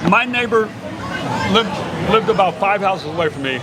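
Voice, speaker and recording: Outdoors on a busy street, a podcast host chats casually, rambling and stammering with restarts and frequent laughs. His voice sits high and is animated at a moderate pace, with a loud crowd and street noise behind him.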